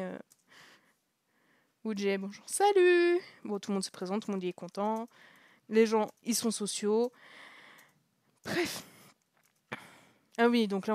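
A young woman streaming a visual novel, reading it aloud and commenting in a chatty, joking way with frequent laughs and hushed asides. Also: medium pitch, no echo, studio quality. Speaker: streamer playing a story game.

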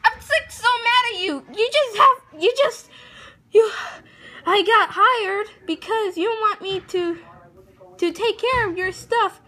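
A woman's voice: very high-pitched, slow, pushed and bright, pitched above the performer's own voice, full character voice. A woman voicing a bossy male chef who scolds and nags, in a homemade toy video. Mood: scolding. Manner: scolding, insistent.

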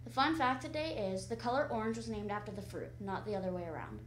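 Female school announcer heard over the intercom, rattling off items at a very fast clip, echoey and roomy. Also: medium pitch, animated, slight background noise. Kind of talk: reading morning school announcements.

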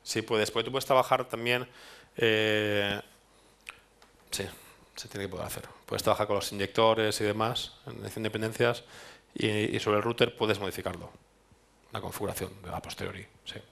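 A gravelly, somewhat bright, low-side voice belongs to a Spanish man in his thirties giving a technical meetup talk in a dark hall before an audience. He keeps a steady tone and moderate pace, thinking aloud in a Spanish accent with restarts and tag questions.

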